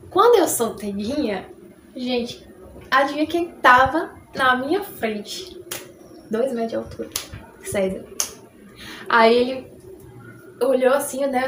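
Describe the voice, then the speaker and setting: A woman's voice: on the high side, a little hiss or hum. A young Brazilian woman telling her conversion story in an earnest, chatty way, often adding "né?". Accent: Brazilian Portuguese. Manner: chatty, earnest, tag questions "né?" throughout. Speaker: vlogger giving her conversion testimony. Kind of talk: casual personal testimony. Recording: roomy room with faint ambience.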